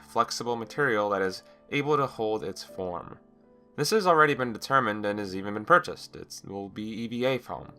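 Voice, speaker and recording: A man giving a semi-scripted technical monologue as a project journal, explaining things in a measured, wordy, methodical way. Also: fairly low pitch, pushed and bright, clean tone. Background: background music.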